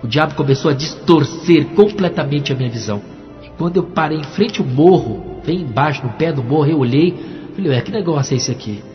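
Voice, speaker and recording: Brief: lively Brazilian Portuguese-accented man, church testimony, higher voice, echoey hall. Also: a little fast. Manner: animated storyteller acting out dialogue. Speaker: testimony speaker. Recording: echoey hall, dull lo-fi sound, faint music.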